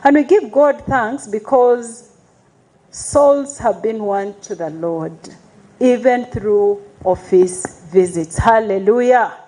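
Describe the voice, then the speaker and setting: A woman, an Anglican chaplain giving a formal, measured address to a congregation, with call-and-response praise. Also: a little high, mellow, low-quality recording. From Uganda.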